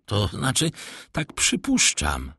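A man's voice: medium pitch, huge pitch swings, slow pace, sharp tone, husky, no echo, studio quality, voice pushed up, heavily acted. A man voicing a frightened, superstitious male steward who pleads in an agitated voice, in an audiobook reading. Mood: evasive. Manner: agitated and pleading, voice rising in fear.

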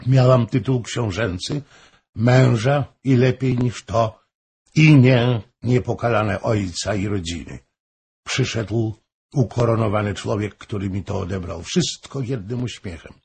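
A frail, grieving noblewoman, as a male reader puts her on, pleads in a slow, heavy, gravelly voice. Her breathy husk makes every warning sound weary and solemn in this storybook reading. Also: fairly low pitch, a little mellow, exaggerated voice. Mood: grave pleading. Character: fallen noblewoman, pale, weak, grieving, warning. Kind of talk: audiobook reading.

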